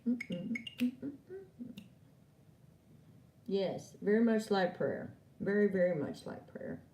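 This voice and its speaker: A woman chats through an oracle card reading, laughing and calling viewers by name. Her voice sits low and mellow but swings widely, and she takes her time. It sounds like an echoey room with the mic set back from her. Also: sing-song, moderate pace, recorded from a distance. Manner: chatty, laughs often, talks to viewers by name. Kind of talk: live stream chat with viewers.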